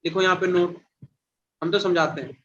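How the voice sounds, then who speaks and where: Man teacher, fairly high voice, dull lo-fi classroom recording, repeats and quizzes students. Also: fairly even intonation, normal speed, fairly bright tone, a little hiss or hum. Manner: repeats and quizzes students, calls them "beta". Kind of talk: classroom chemistry lecture.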